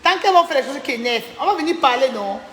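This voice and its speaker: Tired woman live streaming, high-ish voice, echoey room with faint hiss, chatty and fed up. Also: expressive, racing, a bit bright. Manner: chatty, reads out viewer names, indignant. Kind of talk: casual live-stream chat.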